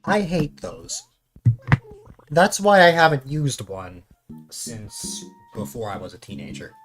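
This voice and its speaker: A man's voice: mid-range voice, big pitch swings, takes it slowly, a bit bright. A young male streamer chatting casually in voice chat, hesitant and full of ums. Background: music.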